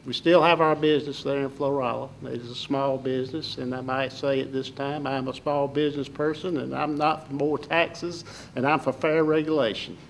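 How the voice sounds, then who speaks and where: An older man from southern Alabama with a Southern Alabama accent, giving folksy, halting interview answers as a political candidate. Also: medium pitch, fairly even intonation, vocal fry, a little hiss or hum, low-quality recording.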